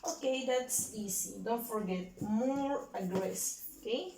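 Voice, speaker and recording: Woman English teacher, unhurried bilingual lesson style, slight hiss behind, roomy sound. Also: a little high, darkish tone, recorded from a distance. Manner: slow and deliberate, repeating words and switching between English and Spanish. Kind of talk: bilingual classroom lesson for children.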